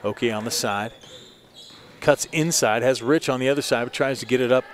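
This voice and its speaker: A man calling high school girls basketball play by play, quick and steady, lifting his voice on each basket. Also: a little hiss or hum. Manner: rapid play-by-play, rising excitedly on baskets. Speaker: play-by-play announcer. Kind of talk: sports commentary. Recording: loud gym crowd behind.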